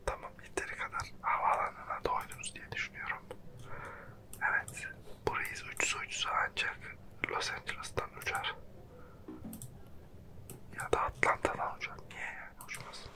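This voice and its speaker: A person speaking in a breathy close whisper, casually commentating on a geography guessing game in a slangy, self-mocking way. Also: moderate pace, long pauses. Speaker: host. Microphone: close microphone.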